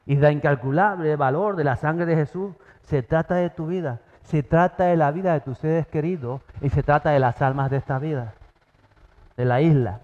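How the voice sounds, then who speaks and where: A man preaching a sermon as pastor, acting out biblical dialogue with sudden jumps in pitch. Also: moderate pace, a little mellow. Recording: dull sound, long church reverb.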